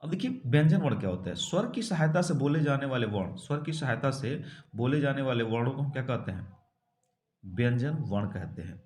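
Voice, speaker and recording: A man's voice: mid-range voice, expressive, brisk, a little mellow, echoey room. A man teaching an exam-prep grammar lesson, explaining step by step and asking and answering his own questions.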